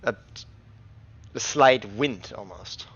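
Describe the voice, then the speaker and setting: A man's voice: mid-range voice, slow pace, a crowd in the background. A man narrating as a tabletop game master, hesitant, trailing off with many fillers. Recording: dull lo-fi mic.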